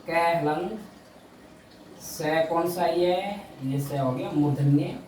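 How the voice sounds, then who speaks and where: A man teaching a Hindi lesson, speaking slowly, stressing key words and repeating his questions to the class. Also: fairly high pitch, darkish tone, a little hiss or hum. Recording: echoey room, mic far away.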